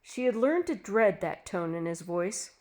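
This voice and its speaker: Narrator: woman, mid pitch, steady scripted storytelling. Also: a little slow.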